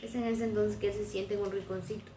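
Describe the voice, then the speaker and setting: Woman, teacher, children's storytelling, simple and slow, echoey room, distant mic, faint background. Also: mid-range voice, little pitch movement, noisy background. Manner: slow, simple retelling with restarts. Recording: roomy and distant.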